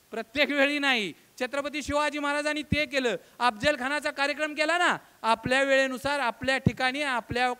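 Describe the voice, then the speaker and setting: A man giving a motivational public lecture, talking straight to the crowd with rhetorical questions and swinging from loud declaiming to low, close tones. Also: smooth. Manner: emphatic oratory, addresses audience as friends, rhetorical questions. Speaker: guest lecturer.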